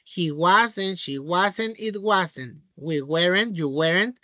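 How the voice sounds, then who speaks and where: A man's voice: high voice, drawn-out words, pushed and bright, no echo. A man with a Mexican Spanish accent teaching English grammar in an online class, explaining patiently and checking in with the students often.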